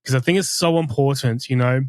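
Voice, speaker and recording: A man's voice: medium pitch, no room sound. A man co-hosting a podcast, speaking candidly and earnestly with frequent restarts. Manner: earnest, confessional, halting with restarts. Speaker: podcast co-host. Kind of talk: candid conversational podcast talk.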